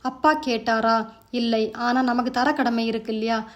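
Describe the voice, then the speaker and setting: A woman's voice: on the high side, fairly even intonation, measured pace. A woman narrating a family short story and reading every character's lines in her own voice.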